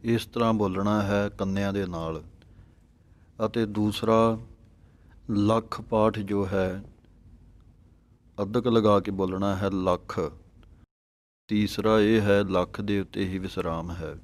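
A man teaching correct recitation of scripture, chanting verses slowly and then explaining the pronunciation. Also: on the low side, steady tone. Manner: slow, measured chanting of verses between explanations.

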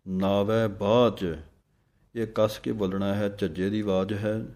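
A man teaching recitation, chanting each line slowly and deliberately, then explaining it. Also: lowish voice, level tone, warm tone. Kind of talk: pronunciation lesson with slow recitation.

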